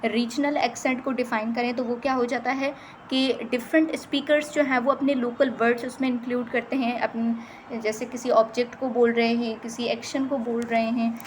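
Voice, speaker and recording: A woman from Pakistan teaching a lecture on English dialects, explaining in Urdu with English terms and slowly reading out English passages. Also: a little high, flat delivery, a little hiss or hum, poor audio. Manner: often adds "theek hai" between points.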